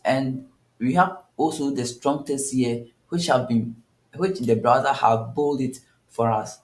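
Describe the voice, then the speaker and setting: A man's voice: medium pitch, takes it slowly. A man teaching a coding tutorial step by step, thinking aloud and often restarting his sentences. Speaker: coding instructor. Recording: echoey room.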